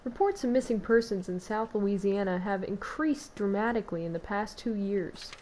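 A woman's voice: medium pitch, normal speed, darkish tone, a little hiss or hum, lightly acted, poor audio. A woman putting on a newsreader voice. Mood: mock-serious. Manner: mock-formal newsreader delivery. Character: woman news reporter reading a bulletin.

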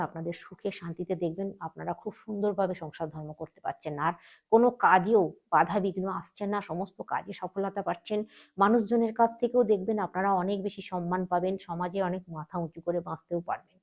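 A woman hosting a devotional channel, giving spiritual advice in a patient, instructive way and repeating each step slowly. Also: medium pitch, darkish tone. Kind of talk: casual spiritual advice talk.

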